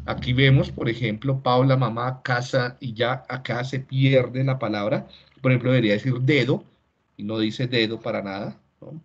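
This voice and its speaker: A man's voice: medium pitch, steady tone, normal speed, slightly rough. Male lecturer on a dull, lo-fi call. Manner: explanatory, tags many lines with "¿sí?". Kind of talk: online class lecture. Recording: dull lo-fi video call audio.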